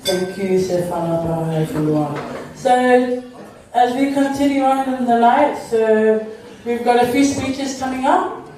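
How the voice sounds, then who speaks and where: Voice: medium pitch, unhurried, warm tone, a little hiss or hum. A master of ceremonies casually announcing the order of speeches at a wedding, correcting themselves as they go. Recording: echoey hall, distant mic.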